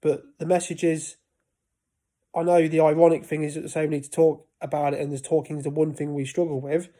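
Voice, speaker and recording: A vlogger in his 30s speaks a little fast, with a dark tone and level delivery in a slightly high voice. Talking casually to camera about his stutter, he frequently cuts off and restarts words.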